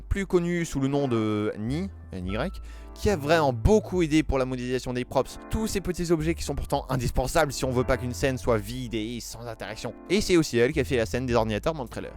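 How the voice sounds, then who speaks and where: A man giving a casual, self-deprecating progress update on his animation project, muttering asides to himself. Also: mid-range voice. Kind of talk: casual monthly progress vlog.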